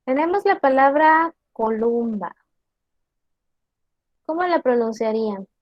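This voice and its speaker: A woman teacher giving an online class, explaining slowly and deliberately and asking her students questions. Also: high-pitched, expressive, dry recording, dull audio.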